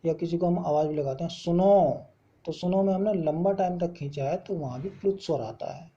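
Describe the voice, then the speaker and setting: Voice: medium pitch, quick pace, dark tone, breathy edge, muffled recording. A teacher giving a grammar lesson, who asks questions and answers them himself and spells out letters one at a time. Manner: explains step by step with questions and answers.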